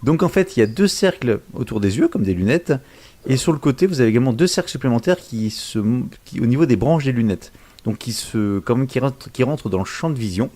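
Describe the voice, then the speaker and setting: A man's voice: medium pitch, animated, a little fast, a little mellow. A man co-hosting a casual tech news podcast, joking and searching for words as he goes. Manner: joking, hunts for words mid-sentence. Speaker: podcast co-host.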